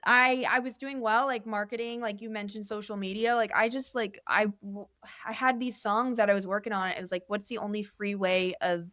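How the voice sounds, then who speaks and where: A young woman with a smooth, clear voice talks openly as a podcast guest. Her speech is earnest and meandering, full of little fillers and restarts. The sound is dry and close, with no room echo. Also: fairly high pitch, fairly even intonation, fairly quick, pushed and bright. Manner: candid and earnest, rambling with many fillers. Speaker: guest musician. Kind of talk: casual podcast interview. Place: indoor podcast studio.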